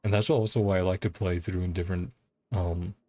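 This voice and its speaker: Speaking fairly quickly in a steady, low, somewhat mellow voice, a streamer keeps up casual, rambling talk during live gameplay and chuckles a lot. The recording is dry, with game music in the background.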